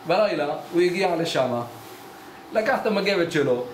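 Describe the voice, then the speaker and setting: A man's voice: sits high, lively intonation, a little hiss or hum. A man, a rabbi, giving a storytelling sermon in a study hall and acting out the dialogue of his tale. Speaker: rabbi giving a weekly Torah lesson. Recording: echoey hall with faint ambience.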